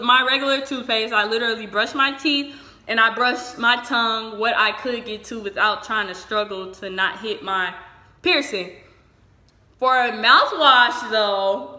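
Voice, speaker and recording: Bright-voiced woman vlogger, echoey room. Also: on the high side. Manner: conversational, informal and frank. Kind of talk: casual chatty advice vlog.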